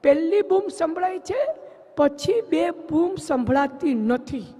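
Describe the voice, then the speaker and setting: A man's voice: extremely high pitch, expressive, takes it slowly, dark tone, in a large hall, heavily acted. A man voicing a cheeky young male servant in a joke. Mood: sly.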